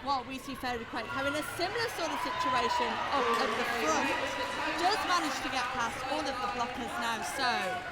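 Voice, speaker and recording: High-pitched woman commentating over loud crowd. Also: a little fast. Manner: excited, playful, exclamatory. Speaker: roller derby commentator. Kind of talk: live sports commentary.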